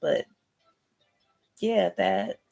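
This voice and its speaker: A woman's voice: medium pitch, very slow, creaky, mellow, faint music behind. A woman in her thirties chatting casually as host of a family card game, rambling and thinking aloud in slangy speech. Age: 30s. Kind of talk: casual chat.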